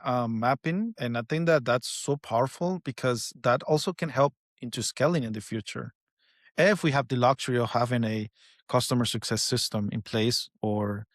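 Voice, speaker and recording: A man's voice: mid-range voice, no room sound, clean studio sound. Latin American-accented man hosting, hesitant. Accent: Latin American Spanish. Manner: hesitant, repeats words while searching. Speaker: podcast host. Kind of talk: casual interview talk.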